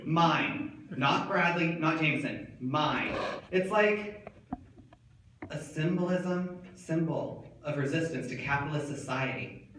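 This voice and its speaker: A man performing a comic stage monologue, telling a wild story and shouting the quoted lines. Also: on the high side, slow pace. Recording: echoey room, far from the mic, some noise.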